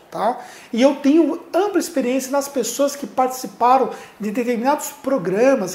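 A middle-aged public speaking coach with a Brazilian accent gives earnest advice directly to the camera, gesturing a lot as he talks. His voice is very high-pitched with a darkish tone, recorded on a lapel mic in an indoor studio with a plain light backdrop and a roomy echo.

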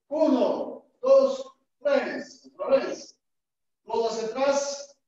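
A man teaching a martial arts class online, counting out drills and calling brisk commands. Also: very high voice. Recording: echoey room, distant mic, dull sound.

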